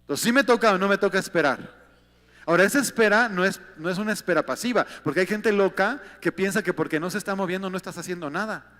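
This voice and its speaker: High-voiced Mexican pastor preaching in a hall. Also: male voice, quick pace, a bit bright. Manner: conversational, peppered with rhetorical questions to listeners. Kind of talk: sermon.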